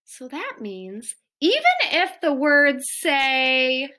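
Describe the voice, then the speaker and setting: A woman's voice: high voice, lively intonation, slow, pushed and bright. A woman teacher reading a picture book aloud to children with playful, mock-dismayed reactions.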